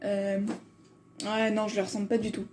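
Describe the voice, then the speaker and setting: A woman's voice: medium pitch, completely flat delivery, moderate pace, darkish tone, a little hiss or hum. A woman vlogger chatting casually as she reads quiz questions aloud, giggling and making self-mocking asides. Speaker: vlogger doing a fan quiz.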